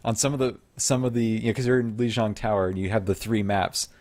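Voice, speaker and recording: A man co-hosting a gaming podcast, chatting in a relaxed way and often trailing off and restarting. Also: lowish voice, fast talker. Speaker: podcast co-host. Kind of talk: casual gaming podcast chat.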